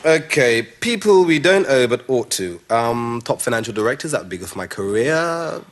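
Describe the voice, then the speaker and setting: A man's voice: medium pitch, animated, normal speed, lightly acted. A man in a sitcom, joking and career-minded, planning with his fiancée. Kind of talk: sitcom acting. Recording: noisy TV sitcom recording.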